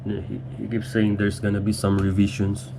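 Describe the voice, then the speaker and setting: A man's voice: lowish voice, completely flat delivery, normal speed, creaky, dark tone. A man speaking as a client in a phone conversation. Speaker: client buying property. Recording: very noisy phone call audio.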